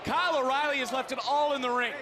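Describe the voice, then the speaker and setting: A man working as a lead wrestling commentator, calling the action live in dramatic, shouted, short phrases. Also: very high-pitched, steady tone, fast, a loud crowd. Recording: loud arena noise.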